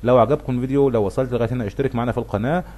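A middle-aged man with an Egyptian Arabic accent, teaching English pronunciation and drawing out example words slowly. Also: medium pitch. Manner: lively, stretches words slowly to demonstrate sounds. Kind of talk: explaining pronunciation to viewers.

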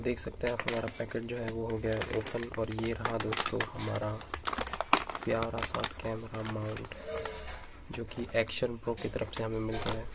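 Flat, gravelly man explaining an unboxing. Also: on the low side, heavy background noise. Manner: steady explanatory, frequent address to viewers. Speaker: unboxing vlogger. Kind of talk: casual unboxing tutorial. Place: indoors at home, camera over tabletop.

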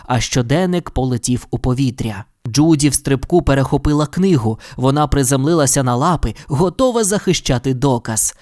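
A low-voiced woman reads an audio storybook aloud. Her pitch rises and falls a lot as she tells the tale, and the recording is dry and close. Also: dry recording. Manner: expressive, animated reading. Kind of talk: storybook narration.

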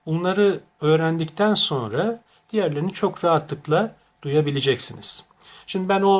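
A man giving a diction lesson, deliberately saying each word wrongly and then correctly to contrast the sounds. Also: mid-range voice, husky. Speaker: diction teacher.

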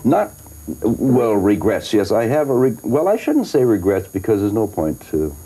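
In a low-quality recording, an older singer and actor chats through an interview at a moderate pace, telling stories with plenty of fillers, restarts, and laughs. His lowish voice is mellow with a breathy edge and big pitch swings.

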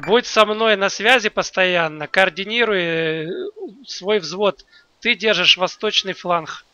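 Guy with high sharp voice barking orders in a war game, bit of background noise. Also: slow, dull audio. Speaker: player acting as company commander in a military game. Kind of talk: radio orders in a military simulation game.

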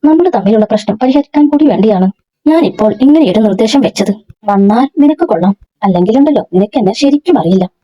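A woman's voice: a little high, lively intonation, fast talker, dark tone. A woman reading the lines of an arrogant young man who sneers at and threatens a female coworker, in a dull lo-fi recording. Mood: threatening.

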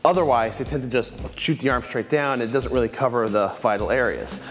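Soft background music fills a large hall as a martial arts instructor in his thirties methodically explains and contrasts blocking techniques inside his dojo. His mid-range voice moves fairly quickly, picked up by a lapel mic in a medium camera shot, as instructional commentary.

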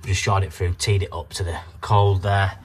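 A young plumber with a low, husky voice and fairly even intonation narrates at a moderate pace while filming his work. In a casual vlog, he explains each step in a practical, chatty way, moving from a factory floor to a house kitchen.

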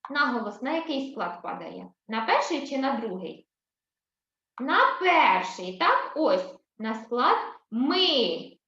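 Woman teacher doing a kids reading lesson, slow and clear, says everything twice, echoey room. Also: high-pitched, very animated, fairly bright tone, highs cut off. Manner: slow, clear and repetitive, addressing children. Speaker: primary school teacher. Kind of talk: recorded online reading lesson for young children.

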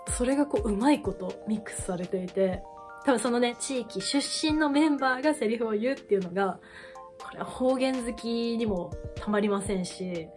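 Speaking at medium pitch, a woman reacts on camera for a reaction video. Excited outbursts come first, followed by a relaxed walk through what she thinks.

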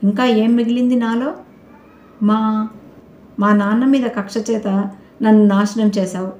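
A woman's voice: on the high side, steady tone, measured pace, darkish tone, lightly acted. A woman voicing an indignant young bride with an accusing manner, in an audio novel reading. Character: young bride, bitter and defiant. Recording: roomy echoey recording.

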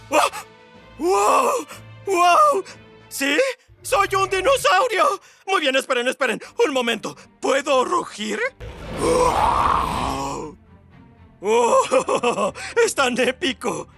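A performer voicing Azul's role, an excitable, easily startled young blue monster in an animated gaming roleplay. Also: high-pitched, creaky, slightly rough, full character voice. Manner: dramatic, wide-eyed, easily startled. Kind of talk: animated Minecraft roleplay dub, exclamatory.

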